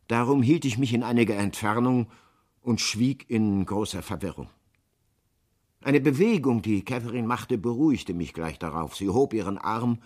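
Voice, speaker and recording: A man reading a novel aloud as narrator, in a measured, sombre storytelling manner. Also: fairly low pitch, a little mellow. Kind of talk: scripted audiobook narration.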